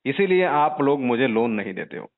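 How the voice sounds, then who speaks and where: Over a muffled, narrow-band telephone line, a man who's a journalist complains to a call centre. He's indignant and insistent, repeatedly asking pointed questions in a very animated, mid-range voice at a moderate pace.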